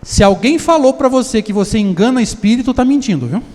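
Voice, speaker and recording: A man's voice: very high voice, lively intonation, brisk, a little mellow. Brazilian guy lecturing in a big reverby hall, keeps asking the crowd stuff. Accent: Brazilian Portuguese. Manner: conversational, asks the audience questions. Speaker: spiritist lecturer. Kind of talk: seminar lecture.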